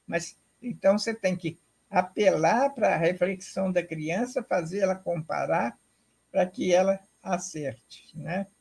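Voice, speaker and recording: With a fairly low, creaky, husky voice of darkish tone, a woman lectures academically. She goes slowly and deliberately, repeats herself, and keeps checking that her audience is following.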